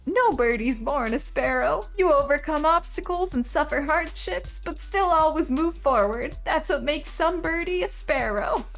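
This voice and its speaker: A woman voicing a tough, proud delinquent gang-leader girl who is a bird, talking in a gruff, mentoring way. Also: high-pitched, animated, unhurried, hardly any pauses, a bit bright, soft background music, pitched above the performer's own voice, exaggerated voice.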